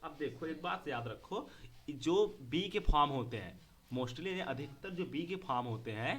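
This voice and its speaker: A man's voice: fairly high pitch, expressive, measured pace, fairly bright tone. A man teaching a grammar lesson to a class. He speaks, repeats key words and keeps asking whether the students understand.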